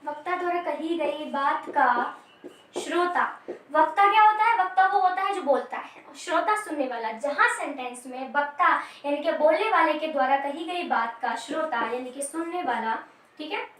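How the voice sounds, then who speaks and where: High-voiced woman teaching grammar from afar. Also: animated, normal speed, a bit bright. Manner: repeats phrases, many fillers and check-ins. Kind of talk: explaining to video viewers. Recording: echoey room, from a distance.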